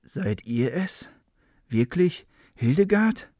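A man's voice: medium pitch, unhurried, a little mellow, no echo, clean studio sound, natural voice. Thaland, a nervous scheming nobleman, as a man voices him. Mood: shocked. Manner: nervous, defensive pleading. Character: scheming, cowardly nobleman caught out.

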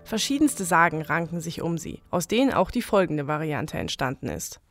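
A woman narrating a medieval legend in calm, scripted storytelling. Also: low-pitched, normal speed, no room sound, clean studio sound, faint music behind.

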